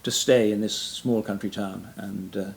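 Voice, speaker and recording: This older Welshman, a retired pastor in his sixties, reflects on his ministry in conversation with an interviewer, speaking with a Welsh accent at a normal speed. His low, creaky voice keeps a steady tone, and he punctuates the talk with frequent mm and yeah and soft self-deprecating chuckles.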